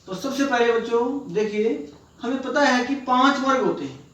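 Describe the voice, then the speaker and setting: A man teaching children, talking slowly and patiently and sounding out each letter one at a time. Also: very high voice, fairly bright tone. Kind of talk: slow, deliberate classroom lesson. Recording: echoey room, voice from far off.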